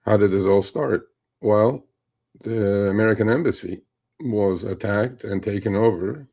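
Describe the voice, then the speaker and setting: A man's voice: on the low side, unhurried, darkish tone. A middle-aged man from Turkey hosting a live show, talking in a rambling, conversational way with many fillers and asides. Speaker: host. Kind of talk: casual livestream commentary.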